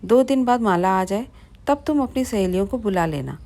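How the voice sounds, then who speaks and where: A meek old mother-in-law, unwell and hesitant, voiced in a plain storybook reading by a woman. Her voice sits at a middling pitch and asks rather than demands. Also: animated, moderate pace, dark tone, close to an everyday voice. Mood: pleading. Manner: hesitant, pleading.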